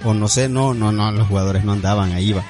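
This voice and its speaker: A man's voice: fairly low pitch, fast talker, a little mellow, faint music behind. A man with a Salvadoran accent, co-hosting a podcast with profane, joking commentary. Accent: Salvadoran Spanish. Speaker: podcast co-host. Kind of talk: crude casual banter.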